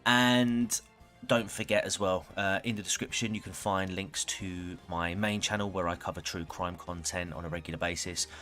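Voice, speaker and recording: A man's voice: deep voice, steady tone, moderate pace, pushed and bright, faint music behind. A man chatting casually to viewers as he hosts a live game stream. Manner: chatty, greets viewers as they arrive.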